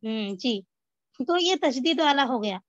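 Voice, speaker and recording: A woman's voice: high-pitched, animated, measured pace, no room sound. A woman teaching a reading lesson. She patiently repeats example words and asks questions that she answers herself. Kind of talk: reading lesson, drilling word lists. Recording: dull, dry lo-fi recording.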